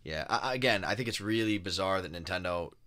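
A man co-hosting a casual podcast rattles on about games at a quick clip, often stumbling and restarting mid-sentence. His voice sits a little low, with a bright, forward edge. He swears freely and sounds eager. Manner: fast, excitable, trails off and restarts, swears. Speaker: podcast co-host. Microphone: podcast microphone.

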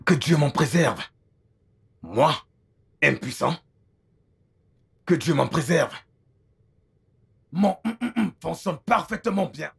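A man's voice: on the high side, expressive, slow, creaky, long pauses, breathy edge, full character voice. An actor dubbing a devoted, earnest husband in a film, emphatic when he protests. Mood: indignant. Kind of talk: French film dub.

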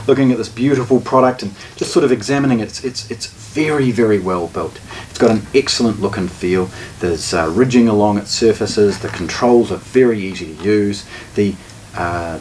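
A fairly low, slightly mellow male voice belongs to a middle-aged presenter, a shop host and product reviewer, unboxing something with unscripted commentary. A distant camera mic in a small indoor listening room lined with shelves records him, along with clicks and background noise.

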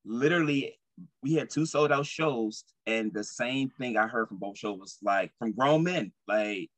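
A young adult stage actor speaks as an interview guest over a video call from a room at home, informal and earnest, often repeating phrases. His mid-range voice is unhurried and fairly bright, recorded dry.

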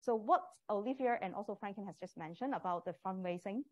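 A Cantonese-accented woman lecturer talks fast in a mid-range, darkish voice on a muffled recording. She teaches a communication course and is giving a live presentation to prospective students, with small grammar slips in her non-native English.

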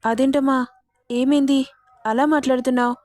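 A woman voicing a kindly elderly grandfather who gently coaxes on the phone in an audio story. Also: high voice, fairly even intonation, brisk, no room sound, soft background music, natural voice. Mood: concerned. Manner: gentle, coaxing.

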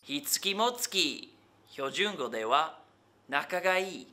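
Bright-voiced man teaching dialect. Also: fairly high pitch, big pitch swings, slow pace, soft background music. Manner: drills each phrase with a cheerful repeat. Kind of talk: comic language lesson.

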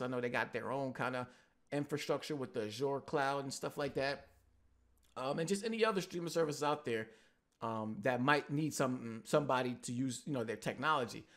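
Gaming YouTuber, male, average pitch; laid-back, unscripted commentary with frequent fillers. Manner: relaxed, loose, with many ums and uhs. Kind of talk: casual commentary on gaming news.

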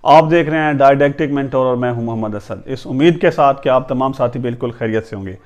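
A man hosting a pronunciation lesson, who spells words letter by letter and repeats each word slowly many times. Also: medium pitch. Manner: religious greeting opening. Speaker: English teacher.

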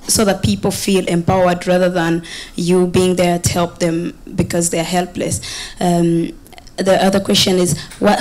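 A woman's voice: on the low side, a little mellow. A woman from Uganda asking a panel questions from the audience, hesitant with frequent fillers. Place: conference hall. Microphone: handheld microphone.

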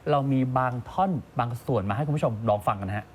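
Animated male entertainment news host. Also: medium pitch, fast, a little hiss or hum. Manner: animated, exclaiming reactions, polite particles. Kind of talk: lively co-hosted entertainment news chat.

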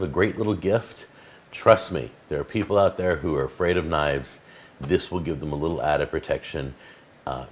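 Deep-voiced man demoing kitchen gadgets. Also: a little hiss or hum. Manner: chatty, enthusiastic, filler-heavy. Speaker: cooking show host. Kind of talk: casual product demo. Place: home kitchen, indoors.

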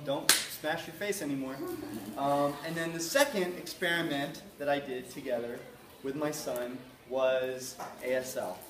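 A man's voice: on the high side, a little hiss or hum. A man giving a casual, rambling talk as a guest speaker to a class. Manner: chatty, rambling, many fillers. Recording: roomy, from far off.

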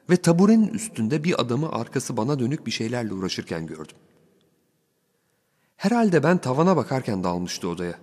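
Guy reading a story aloud, lively up-and-down voice, lots of reverb. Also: mid-range voice, husky. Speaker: narrator. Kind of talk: audiobook narration, first person.

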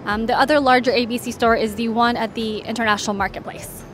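There is a little hiss or hum as a travel guide and vlog host narrates a walking tour at a quick pace. Her voice is a little high with fairly even intonation, and she points things out casually, informatively and in order, keeping it conversational.

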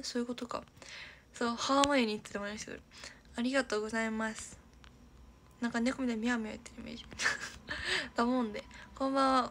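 With a slightly high voice and a little hiss or hum in the recording, a young idol livestream host from Aichi, Japan chats casually. She giggles, reads viewer comments out loud, and often lowers her voice to a near-whisper.

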